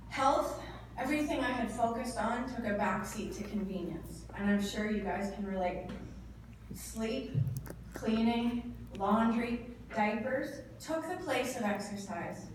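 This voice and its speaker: Very echoey room, noisy background, Canadian woman, thirties, motivational public speech, earnest, emphatic phrasing. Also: a little high. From northern Ontario, Canada. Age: 30s. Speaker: motivational speaker. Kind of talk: prepared motivational speech to a live audience. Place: indoor event room before an audience. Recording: echoey room, distant mic, clear background noise.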